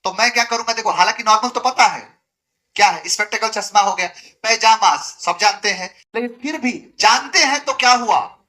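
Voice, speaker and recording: A man's voice: high-pitched, moderate pace, bright, forceful tone. A man teaching a grammar lesson, asking rhetorical questions and answering them himself, with emphatic, repetitive corrections. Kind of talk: classroom lecture.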